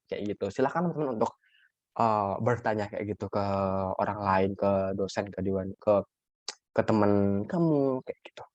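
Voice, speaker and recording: A man's voice: medium pitch, darkish tone, no room sound. A man giving a workshop lesson in a casual, chatty way, with many fillers and restarts as he addresses his listeners as friends. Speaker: workshop tutor. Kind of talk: casual teaching talk. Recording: dull lo-fi dry audio.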